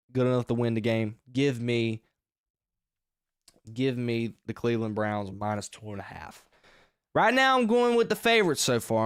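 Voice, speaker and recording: A man hosting his own sports podcast, talking through his game picks in a casual, energetic, rambling way with emphatic outbursts. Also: mid-range voice, smooth, no echo, studio quality. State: short of breath.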